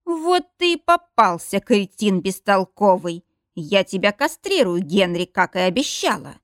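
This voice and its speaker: A woman performs an enraged, heavyset older wife who shrieks and growls threats. The voice swings wildly between high screams and low, slow snarls, and it sounds close and dry. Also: sing-song, no echo.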